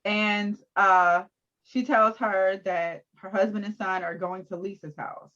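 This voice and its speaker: A woman co-hosting a casual recap chat, animated and laughing often as she acts out quotes. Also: medium pitch, slow, lo-fi sound. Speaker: podcast co-host.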